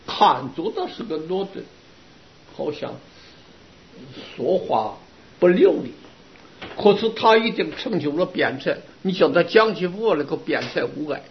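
A man, a Buddhist Dharma teacher, giving a sermon to his students with lively storytelling and rhetorical questions. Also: fairly high pitch, unhurried, gravelly, slight background noise. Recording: dull lo-fi recording.

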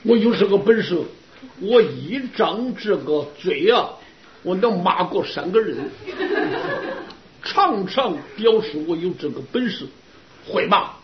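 A man, a Buddhist Dharma teacher, giving a sermon to his students with lively storytelling and rhetorical questions. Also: high-pitched, takes it slowly, a little hiss or hum. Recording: dull lo-fi recording.

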